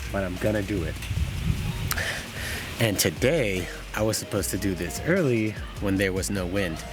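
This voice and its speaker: Male vlogger, slightly deep, informal self-mocking chat to viewers, strong music bed.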